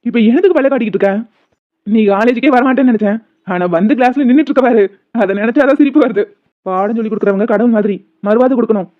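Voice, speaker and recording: A man voicing a loud, rough, teasing young college guy in an animated story. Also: very high-pitched, a little fast, dry recording. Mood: rowdy. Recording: tinny phone-like audio.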